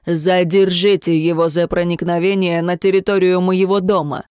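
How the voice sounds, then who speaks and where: A woman voicing a domineering, contemptuous mayor who rages at his daughter, speaking slowly and menacingly. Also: lowish voice, level tone, darkish tone, clean tone, no room sound, studio quality, natural voice. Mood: furious contempt. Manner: slow, menacing, snarling through teeth. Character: domineering, contemptuous male mayor, a stern father.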